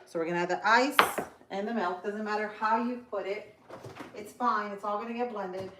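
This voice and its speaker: A woman from Central Florida, United States, with a Spanish accent hosts a casual live cooking stream in her home kitchen, chatty and upbeat, greeting viewers by name and explaining each step. Her mid-range voice is fairly even and moderately paced, in an echoey room with faint background noise.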